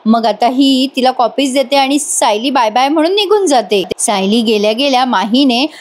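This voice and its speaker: A woman with a high, bright voice recaps a TV serial in a casual voice-over. She chats straight to her viewers and laughs often between the lines. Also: expressive, normal speed. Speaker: TV serial reviewer.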